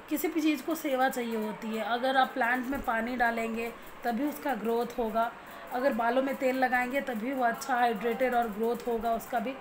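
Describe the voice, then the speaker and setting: A woman's voice: on the high side, background noise. A young woman and new mother talking casually to her viewers at home, chatty and giving plain advice. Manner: cooing baby talk to her infant; chatty, advising viewers directly. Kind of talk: casual home vlog talk.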